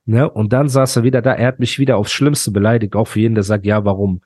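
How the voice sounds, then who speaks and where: Heated ranting podcast host. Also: male voice, lowish voice, fairly even intonation, fast, darkish tone, no room sound, studio quality. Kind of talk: casual podcast chat.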